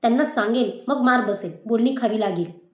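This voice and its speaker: A firm, scolding storybook mother, as a woman reads her out in an echoey room. she speaks high and clear, stern yet loving, pressing her son to own up. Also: a little fast, a little mellow, natural voice.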